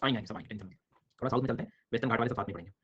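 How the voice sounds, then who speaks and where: A man teaching an online exam-prep class in speech, energetic and coaxing, with frequent repeated memory drills. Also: medium pitch, rapid-fire, slightly rough, dull audio.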